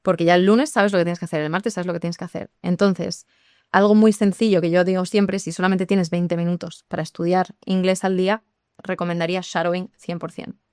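An English teacher talks on a podcast, explaining things in a lively way and speaking straight to listeners. Her voice is on the low side, smooth, and a little fast, recorded cleanly in a studio with no echo.

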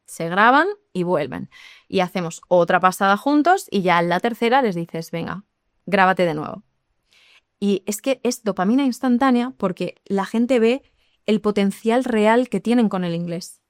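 Lively woman explaining. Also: mid-range voice, normal speed, no room sound, studio quality. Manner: lively, explanatory, addresses listeners directly. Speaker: English teacher. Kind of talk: podcast conversation.

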